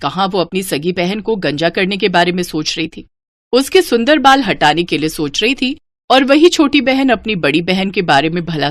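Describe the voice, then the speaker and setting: Woman narrating a cartoon story. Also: fairly low pitch.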